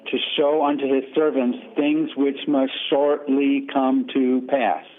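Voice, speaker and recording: A man calling in to a radio show on a speakerphone, reading a scripture verse slowly and deliberately. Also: mid-range voice, flat delivery. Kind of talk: call-in talk, reading scripture aloud. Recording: rough, tinny speakerphone line.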